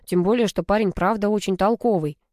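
A woman's voice: mid-range voice, fairly quick, a little mellow, no room sound, clean studio sound, close to an everyday voice. A woman voicing a young man, a tired, sarcastic older brother who grumbles at his sister. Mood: grumbling.

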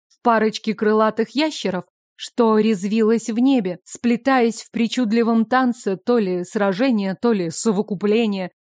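A woman reading a first-person fantasy audiobook in an expressive, measured storytelling manner. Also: fairly high pitch, dry recording, studio quality. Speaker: audiobook narrator.

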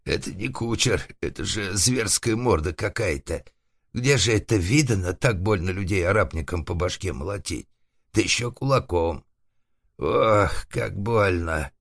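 Audiobook figure: a man playing a rough, foul-mouthed old organ grinder, raised and hard, in a dry close recording. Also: deep voice, a little slow, no echo, voice pushed up. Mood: aggrieved. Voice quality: rough, threatening, coarse-spoken. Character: old male organ grinder, crude and vengeful.

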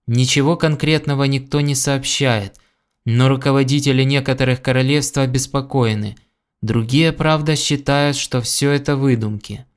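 Grave, measured galactic emperor, no pomp, a male reader doing him. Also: medium pitch, clean tone, close to an everyday voice.

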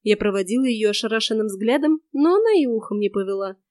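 A woman reads a first-person fantasy story aloud with a lively, wry delivery. Her voice sits a little high. The recording is dry and close, with no room around it. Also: quick pace, dry recording. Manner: lively, wry, expressive reading. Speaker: audiobook narrator. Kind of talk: first-person audiobook narration.

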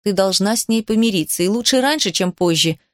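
A woman voicing a sensible older aunt who gives calm, gentle advice. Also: mid-range voice, brisk, no room sound, studio quality, close to an everyday voice. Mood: gentle admonishing. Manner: calm, instructive, soft.

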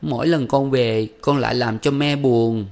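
A man's voice: medium pitch, fairly even intonation, unhurried, gravelly, darkish tone, pitched above the performer's own voice. A man reading aloud and voicing a young married daughter who sobs and complains plaintively. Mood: sobbing. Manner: sobbing, plaintive.

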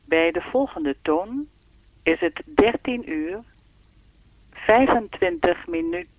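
A fairly low female voice performs a speaking-clock character in a radio drama: lonely, evasive, and self-willed. She sounds formal, automatic and deadpan at a measured pace, moving from set time announcements into conversation over a thin, tinny telephone line.

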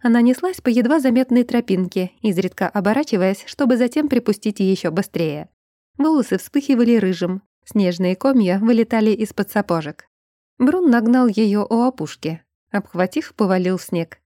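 A woman reading an audiobook in an even, measured narrating manner. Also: mid-range voice, dry recording, clean studio sound. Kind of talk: scripted narration.

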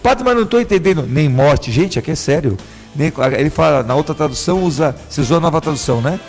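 Higher-pitched Brazilian priest preaching over music. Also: male voice, expressive, quick pace, darkish tone. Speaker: priest hosting a live religious radio show. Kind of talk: conversational radio preaching. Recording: music playing behind the voice.

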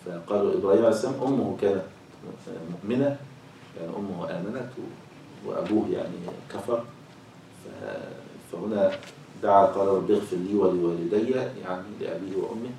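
Deep-voiced man teaching Quran commentary. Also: lively intonation, mellow, slight background noise. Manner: slow measured recitation of verses, then plain explanation. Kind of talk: tafsir lesson. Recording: echoey room, voice far from mic.

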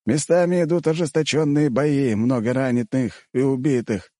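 A man's voice: mid-range voice, fairly even intonation, normal speed, mellow, no room sound, studio quality, pitched above the performer's own voice, lightly acted. A man voicing a sardonic male rector in an audiobook, speaking in curt, mocking replies.

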